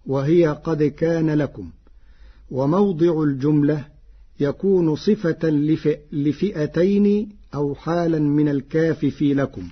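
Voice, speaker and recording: Slow, husky man explaining recitation. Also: a little high. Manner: measured, quotes words in a slow chanted cadence. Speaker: Quran recitation scholar. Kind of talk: explanatory religious radio talk. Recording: dull lo-fi radio broadcast.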